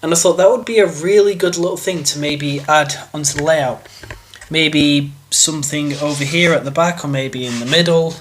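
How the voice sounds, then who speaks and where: A young man, stuffed up and bunged-up from a cold, rambles casually through a show-and-tell of his model railway layout, thinking aloud with fillers and restarts. His voice is on the high side at normal speed, with slight background noise.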